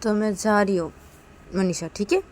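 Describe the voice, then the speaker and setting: A woman's voice: medium pitch, normal speed, a little mellow, a little hiss or hum, natural voice. A woman voicing a teasing, knowing middle-aged mother who coaxes with repeated "hmm?" tags, in a storybook tale. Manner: coaxing, ends lines with "hmm?".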